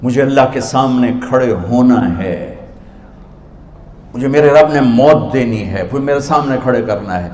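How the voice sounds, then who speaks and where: A man's voice: medium pitch, lively intonation, a little mellow, slight background noise. Man, preacher, sermon, impassioned, rhythmic repetition, long hall reverb. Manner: impassioned, repeating phrases rhythmically. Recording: echoey large hall. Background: live audience.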